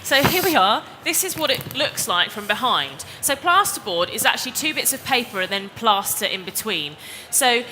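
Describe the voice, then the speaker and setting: A woman's voice: fairly high pitch, sing-song, moderate pace, hardly any pauses, bright, forceful tone. A woman, presenting a live DIY demonstration and explaining each step in a chatty way. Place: exhibition hall stage. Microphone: headset or lapel mic. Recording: reverberant hall, faint background noise.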